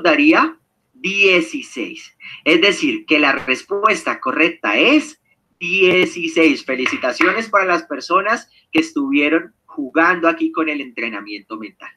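Guy teaching a seminar, high bouncy voice, keeps asking the group stuff. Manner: lively, animated, engages the audience with questions. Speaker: seminar leader.

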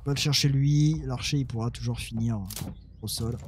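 A man's voice: medium pitch, fairly even intonation, normal speed, background noise. A man casually commenting on his own strategy game, talking to his units and mocking himself. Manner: muttering, self-mocking, talks to his units. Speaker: let's play gamer.

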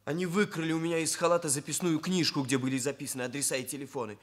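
A young adult actor in a Soviet radio drama plays a hairdresser who is earnest, aggrieved, and stiffly bureaucratic in his pompous speech. The voice is a little high and natural, with fairly even intonation and a very fast pace.

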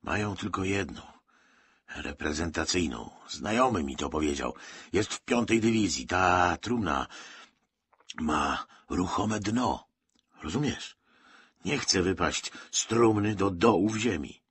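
A man's voice: low-pitched, lively intonation, measured pace, a bit bright, slightly rough, no room sound, exaggerated voice. A man voicing a feverish, frightened young soldier in an audiobook who talks in a breathless, urgent whisper.

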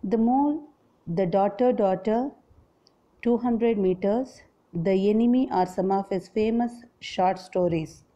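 A woman's voice: medium pitch, a little slow, mellow, highs cut off. A woman explains a school English lesson as a teacher, repeating and rephrasing her points.

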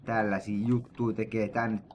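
A young man, an excitable, jokey gaming host narrating a let's play, with sudden loud outbursts. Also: lowish voice, slight background noise.

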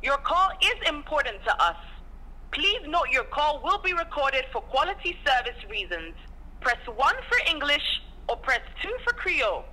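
A woman's voice: high-pitched, big pitch swings, normal speed, pushed and bright, rough recording. A woman's recorded phone menu message, reading a formal greeting and numbered menu options for a customer service line. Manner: formal, evenly paced recorded announcement.

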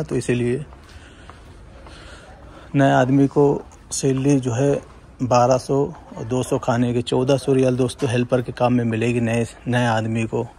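A young Indian man vlogs his way around a large indoor supermarket, speaking casually into a handheld phone and calling his viewers "friends" over and over. The voice is medium in pitch and warm, with a little hiss or hum in the recording.

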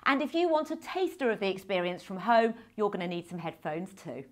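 A woman's voice: mid-range voice, lively intonation, fairly quick. A woman presenter with a British accent, bubbly and amused as she introduces and reviews the show.

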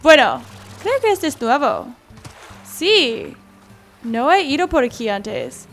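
High-pitched young woman playing a game. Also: huge pitch swings, unhurried. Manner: chatty, talks to game creatures, squeals and laughs when startled. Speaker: gaming video creator. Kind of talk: casual gameplay commentary. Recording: faint background game music.

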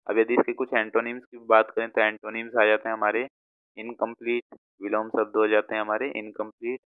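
Indian male tutor, low flat delivery, tinny dry phone-like sound, patient and repetitive. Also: fairly quick, smooth, no room sound. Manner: patient, repeats words, frequent check-ins. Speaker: vocabulary teacher. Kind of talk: explaining word meanings, mixing Hindi and English.

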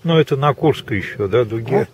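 A man's voice: mid-range voice, expressive, fairly quick, a little mellow, a little hiss or hum. A man asking short casual questions as an interviewer.

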